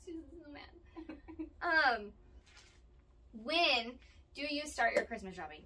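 A woman's voice: high-pitched, sing-song, slow, sharp tone, distant mic, low-quality recording. A woman co-hosting a casual podcast, playful and laughing, swearing casually, with an occasional cough. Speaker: podcast co-host. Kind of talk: casual chat.

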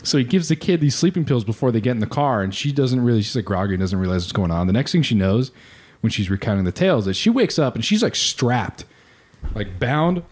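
A man hosting a casual podcast, retelling a crime story in a lively, swearing way. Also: medium pitch, a little fast. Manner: animated storytelling with swearing and laughs. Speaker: podcast host. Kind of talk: casual true-crime chat.

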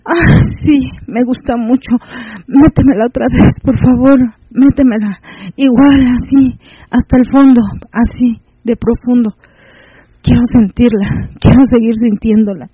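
Man doing a high breathless woman, moaning, pleading, muffled dry lo-fi sound. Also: steady tone, measured pace, slightly rough, dry recording. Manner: moaning, begging, high and loud.

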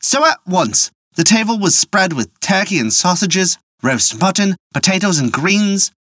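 Lively folk-tale narrator, wide melodic range, playful, dry sound. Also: medium pitch, measured pace, no echo. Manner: lively, playful with wry asides. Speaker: storyteller.

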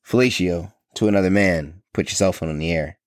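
A man co-hosting a podcast, talking casually and haltingly, often laughing. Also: low voice, dry recording. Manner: laid-back, halting, laughing. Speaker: podcast co-host. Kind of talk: casual chat.

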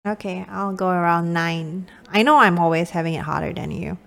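Female co-host, giggly and casual, voice on the lower side. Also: normal speed, vocal fry. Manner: giggly, laughs often. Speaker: podcast co-host. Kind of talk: casual chat.

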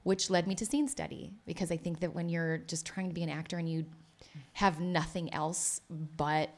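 A woman's voice: fairly low pitch, fairly even intonation, moderate pace, a little mellow. A woman, an actor and playwright, chatting in a casual interview and telling her story in a rambling, talkative way. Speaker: actor and playwright, podcast guest.

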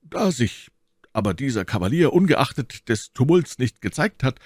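A man's voice: mid-range voice, very animated, normal speed, no echo, clean studio sound, pitched above the performer's own voice. A man reading an audiobook, voicing a proud, dignified male musketeer in a firm, formal manner. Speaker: audiobook reader.

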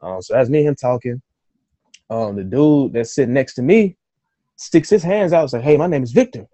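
A man's voice: mid-range voice, animated, moderate pace, dark tone, no echo, poor audio. A man, an author and interview guest, telling a story casually with loose, profane talk and acted-out quotes of his own thoughts.

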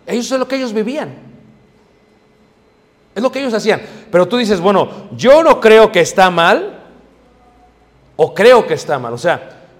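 Mexico city guy preaching to youth, high voice, joking a lot, long echo in a hall. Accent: Mexico City Spanish. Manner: lively, joking, asks the audience questions. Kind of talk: sermon to youth.

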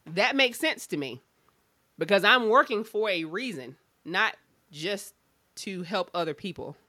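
A woman's voice: mid-range voice, animated, unhurried, pushed and bright, dry recording. A woman with a Southern US accent and drawl, talking bluntly and emphatically and swearing freely in a candid podcast chat. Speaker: schoolteacher.

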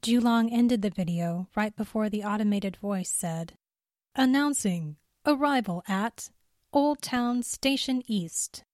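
A woman narrating a scripted story in a steady, even reading voice. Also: medium pitch, dry recording.

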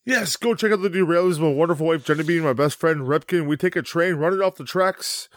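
A man's voice: a little high, quick pace, no room sound, studio quality. A young man co-hosting a podcast in casual, crude, joking chat, swearing freely. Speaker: podcast co-host.

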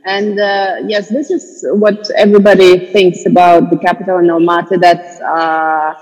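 A woman's voice: lowish voice, level tone, normal speed, darkish tone, long reverb tail, faint music behind, poor audio. A woman from Kazakhstan, an art curator, speaking hesitantly with many fillers as a podcast guest. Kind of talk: podcast interview.

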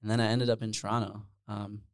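A Netherlands-born man talks in a loose, easygoing way, full of ums and trailing tangents. His voice sits low and sounds smooth and clear. The recording is close and dry. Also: fast talker, no echo. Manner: relaxed, rambling with many fillers. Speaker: podcast guest, musician. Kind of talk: casual interview chat.

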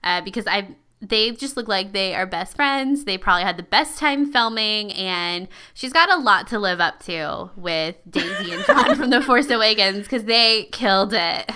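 A young woman co-hosting a podcast, her voice bright and forceful. Her tone is smooth and clear, and she talks in an animated, filler-heavy way. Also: medium pitch, normal speed, few pauses. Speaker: podcast co-host. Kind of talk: casual fan discussion.

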